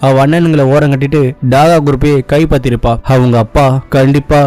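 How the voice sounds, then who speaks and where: A man voicing a stern older company chairman who gives gruff warnings. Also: medium pitch, fairly even intonation, a little fast, a little mellow, soft background music, voice pushed down, lightly acted.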